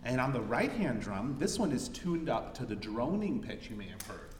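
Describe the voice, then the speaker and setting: A man's voice: medium pitch, big pitch swings, normal speed. A man demonstrating the tabla to a class of children, speaking drum syllables aloud. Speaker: tabla player teaching children. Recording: echoey hall, mic far off. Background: live instrument music.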